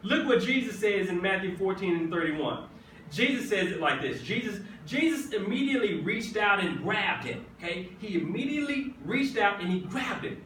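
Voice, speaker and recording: A pastor preaches with a very high, bright voice. He presses each point through repetition and builds to emphatic shouts. He is recorded from a distance in an echoey church. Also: expressive, moderate pace, a little hiss or hum. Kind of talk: sermon. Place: church sanctuary.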